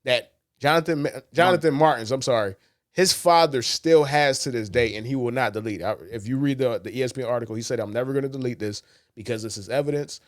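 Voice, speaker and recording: A mid-range, fast-talking man co-hosts a sports podcast, keeping it casual, blunt and profane. He tells stories animatedly and quotes others, in a dry, studio-quality recording.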